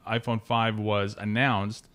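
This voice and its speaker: A man hosting a podcast in casual tech chat, relaxed and joking, with hesitant fillers. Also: on the low side, takes it slowly. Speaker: podcast host.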